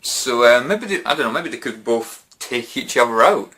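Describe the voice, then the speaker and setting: A man's voice: medium pitch, lively intonation, moderate pace, bright, forceful tone. A man giving casual wrestling predictions to camera, rambling with lots of fillers and restarts. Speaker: wrestling fan vlogger.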